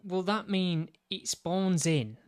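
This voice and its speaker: A man's voice: sits high, slow, clear, resonant tone, dry recording. A man giving casual commentary while building a game mission, thinking aloud and talking to himself. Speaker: gaming video creator.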